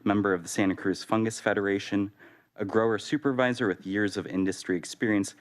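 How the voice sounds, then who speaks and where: A man's voice: lowish voice, steady tone, a little fast. A man giving a prepared public comment at a city council, listing his credentials.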